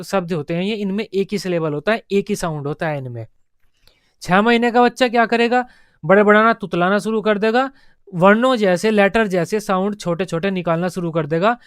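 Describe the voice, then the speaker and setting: High, clear-voiced male teacher. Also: no echo, clean studio sound. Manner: explains step by step, repeats key points. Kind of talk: exam-prep lecture.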